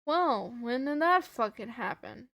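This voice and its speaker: A woman's voice: fairly high pitch, lively intonation, unhurried, fairly bright tone, dry recording, studio quality. A woman voicing a blunt, tough adult woman in a read-aloud fanfic. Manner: blunt, swearing.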